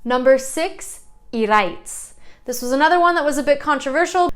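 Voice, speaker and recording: Chatty woman vlogger, fairly high voice. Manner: chatty and self-deprecating, laughs at her own mistakes. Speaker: channel host. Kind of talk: casual explainer vlog.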